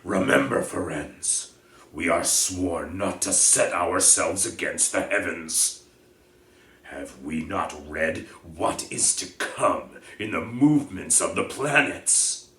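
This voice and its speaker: A man voicing an angry, proud male centaur who thunders and scolds in a loud voice. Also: sits low, expressive, slow pace, distant mic, exaggerated voice. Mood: stern. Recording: echoey room.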